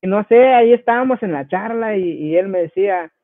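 High-voiced man on a tinny line. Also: expressive, fairly quick, dry recording. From Guatemala. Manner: easygoing, chuckles between anecdotes. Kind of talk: casual interview storytelling. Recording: tinny phone-like dry sound.

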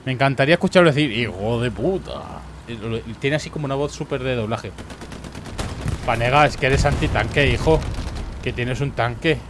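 A man's voice: medium pitch, fairly quick, slight background noise. Murcian guy doing joke commentary on a war game, playful, lots of yelping, faint gunshots behind. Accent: Murcian Spanish. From Murcia, Spain. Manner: playful, jumps into excited yelps. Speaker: gaming streamer. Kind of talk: mock documentary commentary over game footage. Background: faint game gunfire and explosions.

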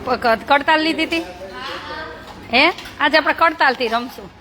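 Surrounded by children outdoors amid crowd noise, a woman who runs a charity for slum kids speaks in a high-pitched, slightly slow voice. She teases, coaxes and scolds them casually, playful yet bossy.

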